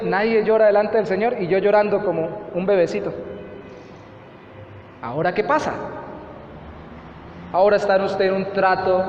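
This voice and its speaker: A man's voice: high-pitched, darkish tone, a little hiss or hum. A Colombian man preaching a sermon as pastor, earnest and repeating phrases for emphasis. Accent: Colombian Spanish. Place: church hall. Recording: echoey church hall, slightly dull.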